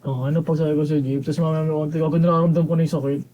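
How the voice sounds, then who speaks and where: A man's voice: a little high, level tone, very fast, lo-fi sound. A young Filipino man co-hosting a podcast, telling crude stories and swearing a lot in casual banter. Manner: crude, storytelling, swears often. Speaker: podcast co-host. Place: recording studio.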